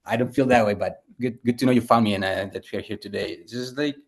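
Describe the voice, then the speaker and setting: A man's voice: mid-range voice, steady tone, quick pace. A man, a guest telling his story in a casual interview, rambling with many fillers and restarts. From Italy. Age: 30s.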